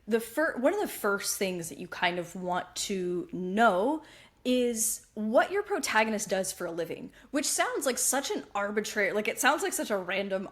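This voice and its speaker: A woman co-hosting a podcast talks through writing craft in a conversational way, checking in as she goes. Her mid-range voice has a fairly bright tone and is slightly froggy.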